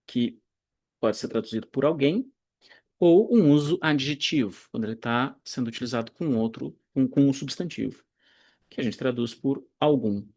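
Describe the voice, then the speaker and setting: A man teaching Greek grammar in a recorded online lecture, explaining slowly and deliberately, pausing and correcting himself as he goes. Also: medium pitch, a little mellow. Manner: slow, deliberate explaining with pauses and self-corrections.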